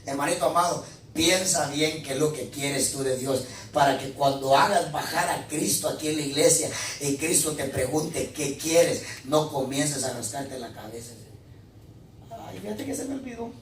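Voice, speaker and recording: A male pastor, preaching a sermon with fiery swings between shouting and quiet asides. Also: mid-range voice, fairly even intonation, moderate pace, a little hiss or hum. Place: church hall. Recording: echoey church, mic at a distance.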